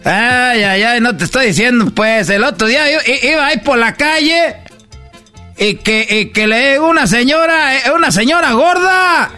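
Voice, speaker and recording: A man plays a brash, proud old rancher in a Mexican radio comedy bit, who barks his rambling jokes in a very high, bright, sharp voice. He talks brusquely and loves to shout. Light music runs behind him. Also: normal speed, smooth. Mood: blunt. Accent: Mexican Spanish.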